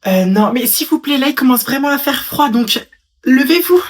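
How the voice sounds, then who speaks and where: A woman voicing a pushy woman who treats a doll as her baby, talking in a loud, insistent, theatrical way. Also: high-pitched, lively intonation, moderate pace, voice pushed up.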